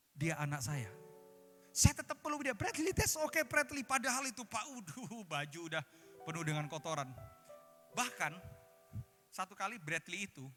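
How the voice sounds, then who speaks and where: Male pastor, high bright tone, lively sermon storytelling, reverberant conference hall. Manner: animated storytelling, switching into English phrases. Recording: echoey conference hall with music.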